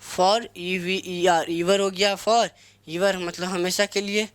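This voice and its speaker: A man's voice: high voice, little pitch movement, slow pace, fairly bright tone, clean tone, dry recording. A young man teaching English grammar in Hindi, spelling out words letter by letter and asking his own questions before answering them. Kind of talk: Hindi-medium grammar lesson.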